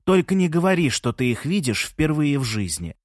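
A man's voice: on the high side, very animated, moderate pace, no echo, studio quality, voice pushed up. A man voicing a gushing, theatrical old grandma. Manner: gushing, teasing, fussy. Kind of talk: audiobook character reading.

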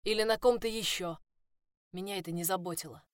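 A woman's voice: lowish voice, brisk, dry recording, studio quality, close to an everyday voice. A woman voicing a desperate young man in love, pleading, in a first-person audiobook.

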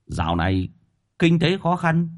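A man's voice: a little high, big pitch swings, a little slow, voice pushed up. A man voicing a cheeky, joking village man who teases in a singsong way in a storybook. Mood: whining.

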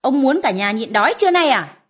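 Woman playing a nagging village wife, high and shrill, harsh scolding, lo-fi audiobook sound. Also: very animated, moderate pace, a bit bright. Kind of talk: audiobook character reading. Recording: dull lo-fi audiobook recording.

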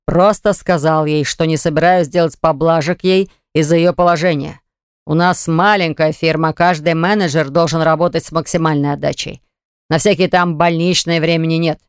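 A reader voicing a callous small-company boss who defends himself in slow, indignant tones. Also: male voice, on the high side, fairly even intonation, clean tone, no echo, studio quality, natural voice. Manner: slow, indignant, self-justifying.

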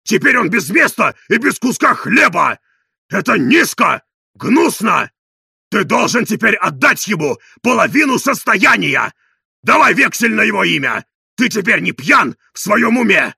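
A man voicing a coarse, bullying middle-aged man in an audiobook, shouting in drawn-out outraged bursts with a raspy voice. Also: high voice, sing-song, no room sound, studio quality, voice pushed up, full character voice. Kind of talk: audiobook character reading.

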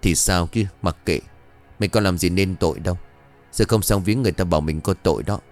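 A man's voice: deep voice, a little fast, a little mellow, soft background music. A man voicing a stubborn village husband who talks curtly and grumbles. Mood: grumbling. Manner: curt, grumbling.

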